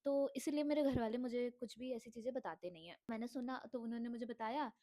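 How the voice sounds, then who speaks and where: Young woman with a cough, higher voice. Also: fast talker, warm tone. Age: young adult. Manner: earnest, mixes Hindi with English phrases. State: unwell, coughing. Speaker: vlogger telling her life story. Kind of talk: emotional storytime monologue.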